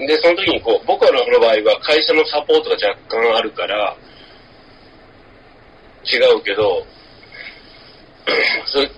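A man's voice: mid-range voice, very animated, measured pace, pauses often, a bit bright, dull audio, a little hiss or hum. A man co-hosts a podcast in casual chat, thinking aloud with many fillers.

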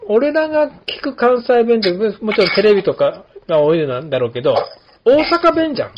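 Chatty high-voiced older man. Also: brisk, noisy background. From Kumamoto, Japan. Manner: relaxed storytelling with many fillers. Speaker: podcast host, barber. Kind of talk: casual chat. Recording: slightly dull lo-fi audio.

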